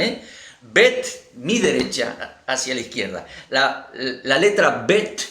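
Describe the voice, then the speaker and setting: Slow, deliberate Argentine preacher, echoey room. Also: male voice, fairly high pitch, fairly bright tone. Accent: Argentine Spanish. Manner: slow and deliberate, checking in with listeners. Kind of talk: Bible teaching.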